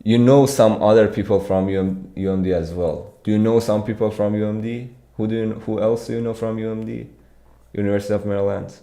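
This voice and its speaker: Reading live chat out loud and responding at ease, a young competitive programming streamer from Iran speaks in a lowish voice, fairly quick and with vocal fry. He sits in a small, dim, pink-lit room before an arm-mounted studio mic.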